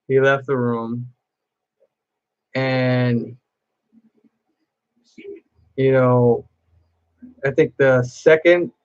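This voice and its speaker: A man's voice: medium pitch, lo-fi sound. A man chatting to camera as a cosplay vlogger, telling a long personal story in a rambling way with many restarts.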